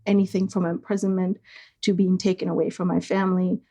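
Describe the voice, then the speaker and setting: A middle-aged woman originally from East Germany talks as an interview guest, slow and searching, with frequent fillers and pauses. Her tone is mellow and dark, with a gravelly fry, and her pitch stays flat and even. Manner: slow, hesitant, with many fillers. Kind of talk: reflective conversation.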